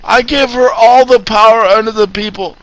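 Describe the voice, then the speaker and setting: A man calling into a voice chat room, speaking in a slow, rambling, grandiose way. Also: very high-pitched, fairly even intonation, fairly bright tone, dry recording, poor audio.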